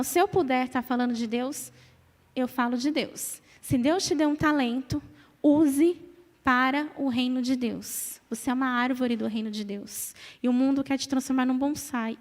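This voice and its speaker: A woman's voice: high-pitched, darkish tone. A Brazilian woman in her thirties preaching an emphatic church sermon, repeating phrases and calling on the congregation to answer. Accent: Brazilian Portuguese. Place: church hall. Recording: reverberant church hall.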